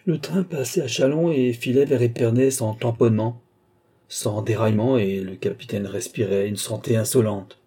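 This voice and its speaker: A man narrating a short story in a measured storytelling manner. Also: mid-range voice, dark tone, husky.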